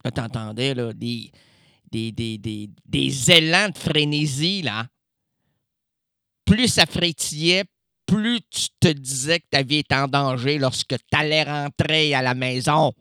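A man with a Québécois accent hosting a late-night radio show, rambling erratically in an absurd live monologue that jumps between shouts and mumbles. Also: medium pitch, slow, no echo, studio quality. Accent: Québécois French. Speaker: radio host.

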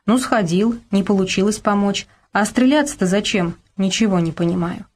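Woman voicing a spiteful sharp-tongued neighbour. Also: mid-range voice, normal speed, close to an everyday voice. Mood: baffled. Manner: spiteful, snapping.

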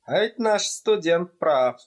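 A man's voice: a little high, expressive, slow, voice pushed up. A male reader voicing a jovial registrar in a storybook, hearty and emphatic. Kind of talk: audiobook character voice.

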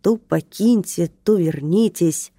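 A woman's voice: mid-range voice, lively intonation, moderate pace, a little mellow, no room sound, natural voice. A woman voicing a shabby, weary man who grumbles his replies. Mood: grumbling.

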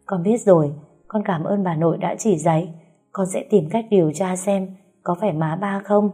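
A woman voicing a polite, anxious young wife, speaking in a soft, deferential way. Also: lowish voice, moderate pace, husky, faint music behind.

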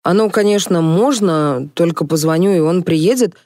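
A dim, plodding construction foreman who works things out aloud, as a woman reading aloud puts him on. The tone is dark and mellow, with a dry, close sound. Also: lowish voice, normal speed, dry recording, lightly acted. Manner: plodding, simple-minded. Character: slow-witted male construction foreman.

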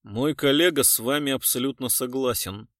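A man voicing a calm, ironic male police colonel who speaks coldly and with authority. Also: mid-range voice, moderate pace, dry recording, clean studio sound, close to an everyday voice. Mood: cool. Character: cool-headed male police colonel, dry.

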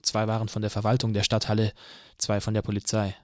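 A man reading an audiobook in the first person, in a calm, measured way. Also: fairly low pitch, no room sound, studio quality. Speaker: audiobook narrator. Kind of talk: scripted audiobook narration.

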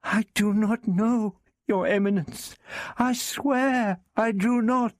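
A woman's voice: medium pitch, slow pace, dry recording, studio quality, pitched above the performer's own voice, close to an everyday voice. A man voicing a frightened young female servant who pleads desperately. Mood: pleading.

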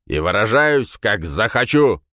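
A man voicing a rude, bullying middle-aged security chief who shouts and threatens in an audiobook. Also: low-pitched, expressive, measured pace, no echo, clean studio sound. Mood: furious. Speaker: audiobook character.

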